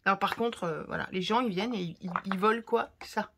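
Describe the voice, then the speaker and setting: A woman's voice: mid-range voice, a little fast, vocal fry, background noise. A French woman showing her craft haul, talking casually to her viewers and reacting to each item. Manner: chatty and expressive, talks to viewers while unpacking. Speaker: craft vlogger. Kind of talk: casual haul chat to camera.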